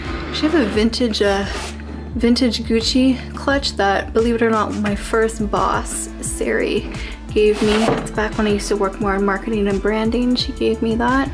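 A woman's voice: fairly high pitch, fairly even intonation, moderate pace, over music. A young woman from Canada chatting casually through a home organizing vlog, with frequent ums and little laughs. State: out of breath. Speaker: lifestyle vlogger. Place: home closet and bedroom.

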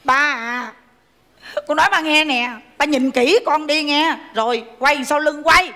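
A cheeky grown daughter , played by a woman with a Southern Vietnamese accent teases and wheedles her father. Her voice is high and bright. It rings with a long hall reverb. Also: unhurried, a little hiss or hum. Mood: teasing. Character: grown daughter pleading to be allowed to marry. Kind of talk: stage comedy sketch.

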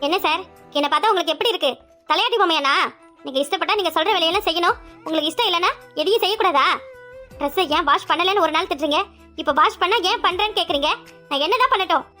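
A woman's voice: very high-pitched, quick pace, faint music behind. Woman playing a defiant young cartoon wife. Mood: indignant. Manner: indignant, sharp retorts.

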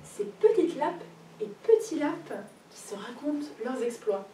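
A woman reading a picture book aloud to children in a library, playful and expressive with sound effects. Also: sits high, unhurried, slight background noise. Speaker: storyteller. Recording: roomy room recorded from a distance, faint ambience.

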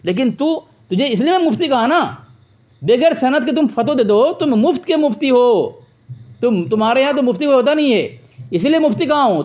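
A man's voice: very high voice, a little mellow. A man arguing on a phone debate, combative, mocking and repeating himself to interrupt. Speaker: debate host on phone call. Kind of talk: heated religious phone debate.

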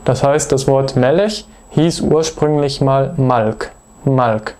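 A man giving a patient, methodical video lesson, pausing often with hesitation fillers as he explains grammar. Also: on the high side, steady tone, mellow. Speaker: language teacher.

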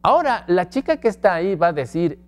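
A man teaching English grammar from slides, slowly stretching out example phrases and asking the class questions. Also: sits high, sing-song. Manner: slow, drawn-out model phrases in English. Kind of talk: slide-based grammar lesson.

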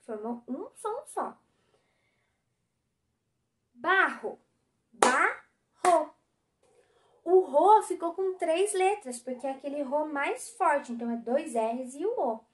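A woman teacher with a Brazilian Portuguese accent giving a recorded class for children, speaking clearly and patiently and sounding out syllables. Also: sits high, lively intonation, slow, background noise.

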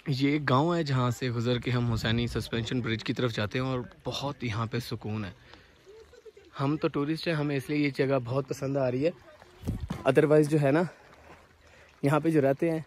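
A young man casually narrating a travel vlog, pointing out the sights as he goes, with frequent hesitations, filmed on a phone held at arm's length. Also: a little high. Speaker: travel vlogger. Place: outdoors on a cold mountain road and village path. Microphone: phone camera held at arm's length. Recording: noisy outdoor phone recording.

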